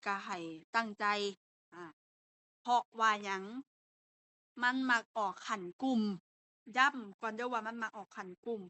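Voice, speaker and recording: A woman's voice: a little high, fairly even intonation, unhurried, pauses often, pushed and bright, no echo. A young woman with a Lao accent, teaching an online language lesson and explaining step by step with patient fillers.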